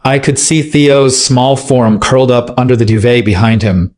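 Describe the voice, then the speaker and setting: A man narrates a dramatic story in a steady, measured reading voice. His pitch sits in an ordinary middle register, and he keeps the telling scripted and even.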